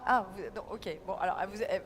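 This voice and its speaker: A woman moderating a round table discussion in a brisk, informal way. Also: mid-range voice, steady tone, noisy background.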